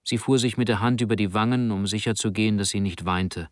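A man narrating a literary short story in a calm, measured reading. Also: on the low side, dry recording, clean studio sound. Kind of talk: audiobook narration.

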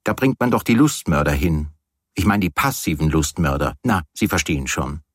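A worn-out, feverish man grumbling with dark sarcasm, as a male narrator plays him in a storybook reading. His deep voice carries a husky edge, heard close and dry. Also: animated, normal speed, no echo, exaggerated voice. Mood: sardonic. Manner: gloomy, sardonic. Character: weary feverish sardonic man.

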